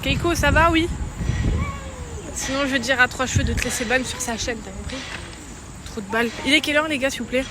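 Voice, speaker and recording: A woman from France, livestreaming while out in town, chatting excitedly to her viewers into a handheld phone. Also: sits high, fairly quick, pauses often, loud music behind the voice. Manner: chatty, excitable, talks straight to her chat. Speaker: IRL livestreamer. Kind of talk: casual live stream chat. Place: out on town streets and in shops.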